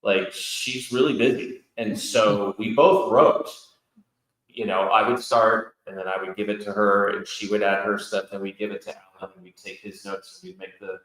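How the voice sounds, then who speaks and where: Low-voiced rambling man in echoey room. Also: fairly even intonation, normal speed, fairly bright tone. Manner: rambling, restarts and asides. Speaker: book co-author on a panel. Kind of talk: casual panel talk. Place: indoor event room.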